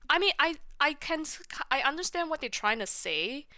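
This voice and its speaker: A woman streamer giving casual commentary on a game she is playing, sarcastic and blunt, with loud laughs and swearing. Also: high voice, big pitch swings, normal speed, no room sound.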